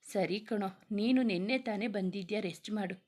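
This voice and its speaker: A woman's voice: mid-range voice, moderate pace, darkish tone, close to an everyday voice. Brief: woman voicing a casual young man, friendly, story dialogue.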